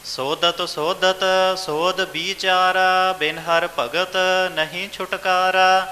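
A man reciting scripture in a measured, sing-song chant. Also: sits high, little pitch movement, pushed and bright, long reverb tail, faint music behind.

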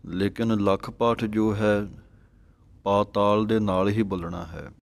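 A man teaching correct recitation of scripture, chanting verses slowly and then explaining the pronunciation. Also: fairly low pitch, steady tone, gravelly. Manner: slow, measured chanting of verses between explanations.

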